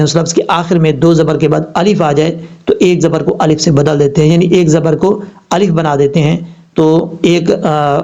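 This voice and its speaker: A man with a Pakistani Urdu accent teaching Quran recitation, explaining rules step by step and reciting example words slowly and drawn out. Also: fairly high pitch, mellow. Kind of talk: tajweed lesson. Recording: dull lo-fi sound.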